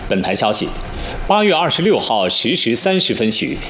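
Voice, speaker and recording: A man's voice: mid-range voice, very animated, normal speed. A man reading scripted broadcast news as a formal Chinese news anchor in standard mainland Mandarin. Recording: roomy echo, faint background noise.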